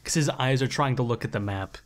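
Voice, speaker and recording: A man's voice: medium pitch, fast. A young man co-commenting on a game, with crude, profane banter. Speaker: let's play co-commentator. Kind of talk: casual gaming commentary.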